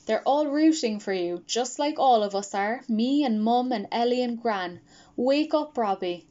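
A woman reading a worried father who gently pleads with his son. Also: on the high side, expressive, a little slow, dull audio. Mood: pleading. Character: worried tender father of a boy.

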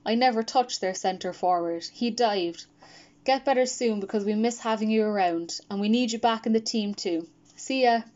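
A woman's voice: fairly high pitch, darkish tone, muffled recording, lightly acted. A woman reading a boastful, indignant schoolboy footballer. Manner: indignant, quick.

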